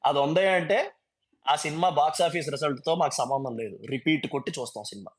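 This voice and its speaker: A man's voice: a little high, quick pace. A man giving a passionate, emphatic monologue as a fan commentator, dropping English phrases into his talk.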